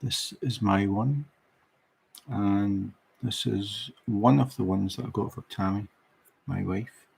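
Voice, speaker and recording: His voice is lowish, gravelly and husky, with a Scottish accent; he's a middle-aged man from Scotland. As host of a diamond painting livestream, he chats with viewers in a relaxed, leisurely, conversational way.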